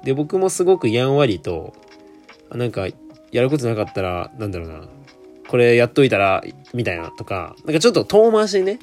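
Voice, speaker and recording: A man's voice: medium pitch, a little mellow. A young man, telling a work story in a chatty solo monologue full of asides. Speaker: solo podcaster. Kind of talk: casual monologue.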